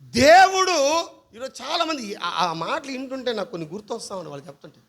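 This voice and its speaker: A male pastor preaching a sermon to his church, firing rhetorical questions at the congregation and swinging between quiet asides and loud emphatic points. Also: very high-pitched, very animated, fast talker. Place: church service.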